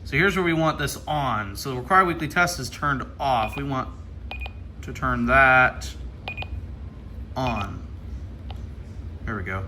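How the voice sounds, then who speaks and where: Speaking slowly and pausing often in a mid-range voice, an American radio hobbyist from Ohio presents an unboxing. He mutters through menu items and thinks aloud in a casual, hands-on way. Background noise comes through clearly.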